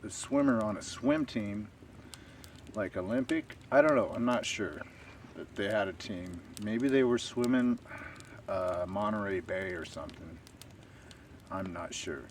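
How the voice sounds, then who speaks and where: A man telling a long story to camera in a rambling, unhurried way, full of fillers. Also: lowish voice. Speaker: stealth camping vlogger. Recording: distant outdoor camera audio with faint ambient noise.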